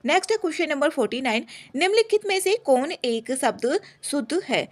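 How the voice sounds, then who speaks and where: A young woman teacher walks through exam answers one by one in quick, repetitive explanations. Her voice sits high and moves a great deal. She keeps pressing on from one question to the next. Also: sing-song.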